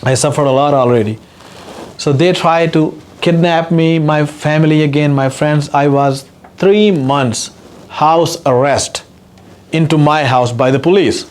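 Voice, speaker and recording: A man's voice: fairly high pitch, a little slow, a little mellow. A man from Pakistan with a Pakistani accent, giving an earnest, emotional personal testimony as an activist guest speaker. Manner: earnest, impassioned, repetitive emphasis.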